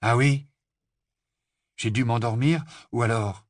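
A man's voice: mid-range voice, slow, no room sound, studio quality, natural voice. A man voicing a weary, defensive teenage boy. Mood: guarded.

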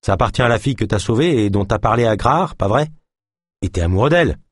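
A man voicing a gruff suspicious guard. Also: fairly low pitch, expressive, quick pace. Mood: gruff, wary. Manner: grumbling, blunt and streetwise. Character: suspicious gruff male guard, crude and blunt.

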